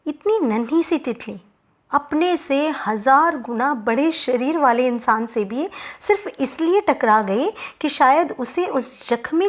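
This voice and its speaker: A woman narrating a moral story in a relaxed, conversational way, with small asides to the listener. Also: high-pitched.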